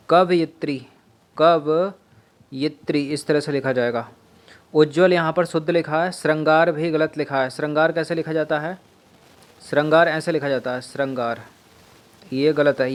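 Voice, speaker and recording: A man teaching an exam-prep spelling lesson, repeating words over and over and putting questions to his students. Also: fairly high pitch.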